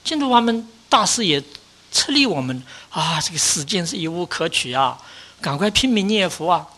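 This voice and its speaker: A Buddhist teacher giving a dharma lecture, posing strings of rhetorical questions, pushing the voice up and louder for emphasis and dropping low at each conclusion. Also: big pitch swings, moderate pace. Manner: rhetorical questions in rising series; often lifts pitch and volume for emphasis, drops low at conclusions.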